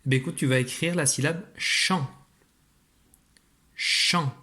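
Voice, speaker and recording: A man's sharp, somewhat high voice leads a recorded spelling dictation; as the teacher, he patiently and clearly articulates each sound slowly.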